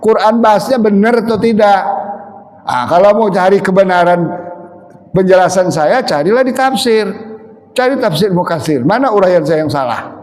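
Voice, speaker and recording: A man from Sumatra delivers a loud, forceful mosque sermon, his voice sitting high for a man. He mixes stern teaching with humorous stories. The long reverb of the prayer hall trails every phrase. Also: lively intonation, moderate pace. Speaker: preacher.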